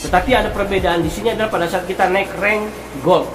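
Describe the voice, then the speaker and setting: A man explaining something to viewers in a monologue, speaking deliberately in halting phrases and repeating words for emphasis. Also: sits high, steady tone. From Indonesia. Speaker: online content creator. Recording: roomy echo with music behind. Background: music.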